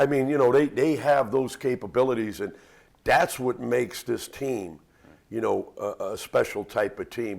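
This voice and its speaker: A man who coaches college basketball, answering interview questions in a relaxed, rambling way with many fillers. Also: mid-range voice, vocal fry.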